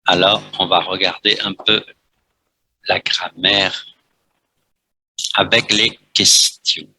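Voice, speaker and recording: A man with as his teaches a French class, going slowly and repeating himself, dropping "hein" between phrases. His voice is bright and husky, and the sound is dry and close. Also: deep voice, flat delivery, no echo, low-quality recording. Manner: slow, repetitive teacher talk with frequent "hein"; switches between French and Vietnamese to explain.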